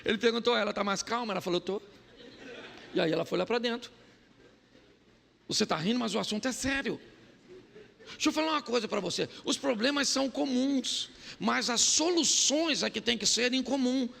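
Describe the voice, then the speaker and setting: A man's voice: very high voice, a little fast, vocal fry, pauses often. A man with a Brazilian Portuguese accent preaching a comedic sermon as a pastor, acting out the people in his stories. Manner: animated storytelling, acts out quoted voices. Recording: long hall reverb.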